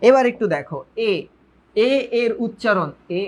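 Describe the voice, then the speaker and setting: A man's voice: high-pitched, lively intonation, unhurried, a little mellow. A man teaching a grammar lecture, who repeats phrases, asks his students questions and drops English words into his talk. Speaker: Bengali grammar tutor. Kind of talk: online lecture.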